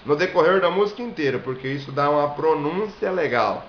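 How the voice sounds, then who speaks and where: A Brazilian man with a fairly high voice teaches singing, talking patiently step by step and showing vowel shapes. The recording is dull and lo-fi, in an echoey room with a faint hiss. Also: animated, fairly quick. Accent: Brazilian Portuguese. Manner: explains step by step, demonstrates vowels and sings high examples. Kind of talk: video singing lesson.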